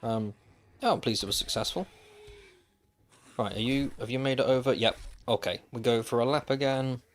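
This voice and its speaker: This is casual gameplay commentary from a man streaming a survival game, recorded on a desk microphone. He chats easily with viewers and adds dry, wry asides, speaking in a mid-range voice at a normal speed.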